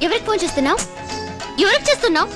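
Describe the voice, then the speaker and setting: A woman's voice: very high-pitched, big pitch swings, very fast, over music. An actress playing a bubbly, stubborn young girlfriend, playful and insistent.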